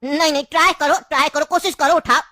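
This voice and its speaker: A woman's voice: high voice, fairly even intonation, fast, shouting, heavy background noise, natural voice. A woman playing a scheming, grieving old grandfather in a comedy skit, coaxing and insistent and laughing through her lines. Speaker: comic skit actor.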